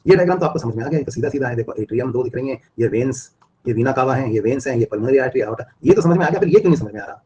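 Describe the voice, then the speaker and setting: A man's voice: mid-range voice, expressive, racing, mellow, lo-fi sound, slight background noise. A man teaching a live online biology class, repeating and drilling his points and asking students questions. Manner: repetitive, drilling explanations, asks students questions.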